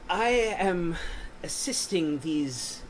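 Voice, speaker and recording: A man's voice: high-pitched, drawn-out words, a little hiss or hum. Man playing a sly old goblin banker. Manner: laughs often, lively. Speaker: player. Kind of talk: tabletop role-play.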